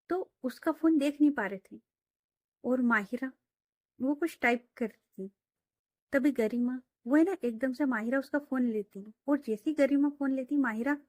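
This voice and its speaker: A woman's voice: high-pitched, a little mellow, dry recording. A woman telling a romance story in a casual, chatty way, full of fillers, into a close mic.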